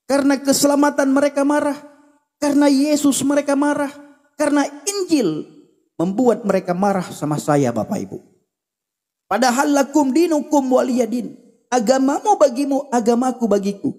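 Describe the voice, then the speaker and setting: Male livestream evangelist with a very high voice, emphatic and repetitive, in a long reverberant echo. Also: animated, moderate pace, mellow. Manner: emphatic, repetitive preaching cadence addressing the audience directly. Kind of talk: impassioned livestream preaching.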